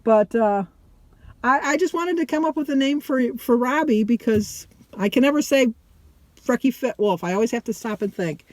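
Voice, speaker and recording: A woman's voice: on the high side, normal speed, darkish tone, no echo. Rambling, chatty middle-aged woman vlogger. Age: middle-aged or older. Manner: chatty and rambling, often breaking off mid-sentence. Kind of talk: casual chat to viewers.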